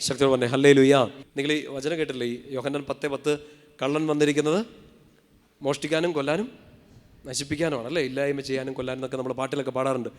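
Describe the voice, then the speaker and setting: A man's voice: medium pitch, steady tone, very fast. A male priest preaching a rousing sermon at a convention, calling the crowd to respond and quizzing them playfully. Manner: rousing, calls the crowd to say hallelujah. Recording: hall reverb.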